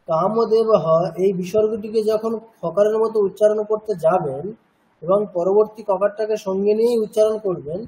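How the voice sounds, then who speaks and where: A man's voice: sits high, mellow, rough recording. A man teaching a Sanskrit chanting class, patiently explaining pronunciation rules and checking that students follow. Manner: patient, checks understanding with repeated questions; slowly demonstrates chanted syllables. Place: cultural centre classroom.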